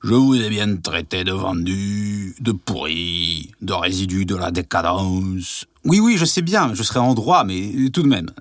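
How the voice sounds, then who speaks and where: An actor playing a quick-tempered, embarrassed husband who shouts and stammers in a comedy sketch. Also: male voice, low voice, dry recording, studio quality. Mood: flustered. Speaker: official receiving a visitor. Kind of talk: stage comedy sketch acting.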